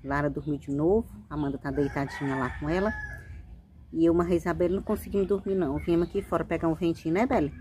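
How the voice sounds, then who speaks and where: Woman, mother vlogger, casual chatty home vlog, lowish voice. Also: fast talker, background noise. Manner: chatty, often addressing viewers as "gente". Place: family home.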